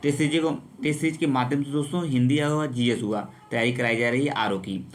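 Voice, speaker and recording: A man teaching an exam-prep lesson, working through quiz questions and often repeating himself and calling his viewers friends. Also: mid-range voice. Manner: repetitive, addresses viewers as friends.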